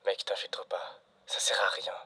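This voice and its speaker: A man's voice: deep voice, completely flat delivery, a little slow, pushed and bright, husky, full character voice. A man playing a male partner who teases and doubts the mission, often half-whispering his jabs in amateur web-drama style. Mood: skeptical.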